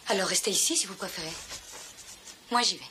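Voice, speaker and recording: Outspoken, lowish-voiced young wife. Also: female voice, brisk, pushed and bright, slight background noise. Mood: defiant. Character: outspoken grown daughter, jealous wife, candid and teasing. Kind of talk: film dialogue, dubbed into French. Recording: film soundtrack with clear music behind.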